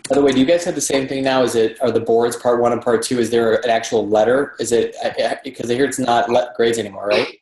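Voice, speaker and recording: A man coaching applicants in a loose, chatty question-and-answer session, circling back and restarting phrases as he works out his point. His voice sits at an ordinary middle pitch. The room around him is echoey and roomy, as if he is talking from a bare home apartment. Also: fairly even intonation, fast talker, hardly any pauses, a little mellow. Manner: conversational, repeats and restarts phrases while thinking aloud. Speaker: dental residency interviewer and mentor. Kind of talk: informal advice session with audience questions.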